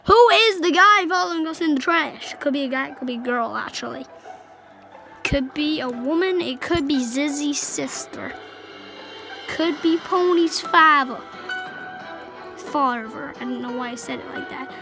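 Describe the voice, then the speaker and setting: A woman with a high voice talks through a scary video game in lively let's play style. She is jumpy and loud one moment and whispering the next. Game music plays clearly behind her. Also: normal speed, rough recording. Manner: excitable, swings between yelps and hushed whispers. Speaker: gameplay commentator.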